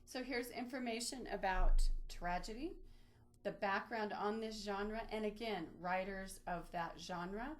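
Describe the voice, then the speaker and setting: In a teaching webinar, a woman demonstrates on her screen and breaks things down step by step. She speaks in a mid-range voice, a little slowly.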